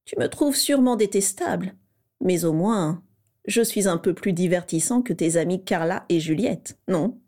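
A woman reading the lines of a smug, playful teenage boy wizard in a storybook reading, in a raised, mellow voice. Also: on the low side, animated, normal speed. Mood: smug teasing. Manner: playful, self-satisfied.

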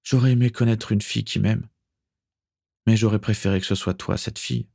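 A man voicing a loyal young male pirate sailor with a gentle, wistful way of talking. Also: fairly low pitch, steady tone, brisk, gravelly, slightly rough, dry recording, clean studio sound, voice pushed up.

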